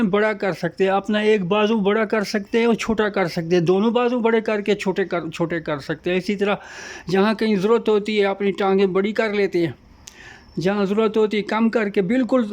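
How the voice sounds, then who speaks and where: A man's voice: sits high, a little mellow. A man giving a casual, rambling monologue as host, piling up repeated phrases and lists.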